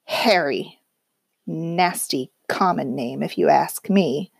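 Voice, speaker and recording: A woman voicing a sharp, disdainful middle-aged wife in a read-aloud story, curt and snappish. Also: fairly low pitch, big pitch swings, slow pace, slightly rough, dry recording, exaggerated voice.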